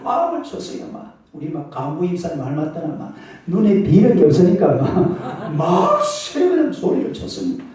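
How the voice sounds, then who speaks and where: This pastor's voice sits high and moves at a normal pace with hardly any pauses. He tells lively stories in his sermon and calls out for replies from the congregation, heard from afar in an echoing church sanctuary.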